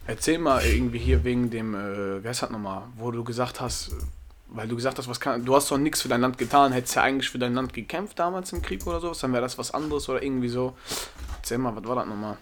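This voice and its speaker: A man's voice: mid-range voice, fast, a little hiss or hum. A man in casual chat, prompting his friend with questions to tell a story.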